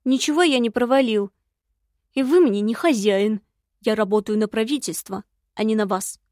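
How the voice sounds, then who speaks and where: A woman voicing a hushed, guileless imp. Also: on the high side, moderate pace, no room sound, studio quality, lightly acted. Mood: indignant. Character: shaggy male imp helper, simple-hearted. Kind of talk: audiobook character reading.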